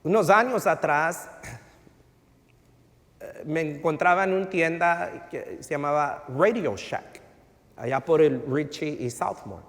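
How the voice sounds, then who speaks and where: A male pastor, telling a story in a relaxed sermon and slipping into English phrases. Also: a little high, takes it slowly, pauses often. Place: church sanctuary. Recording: reverberant church hall.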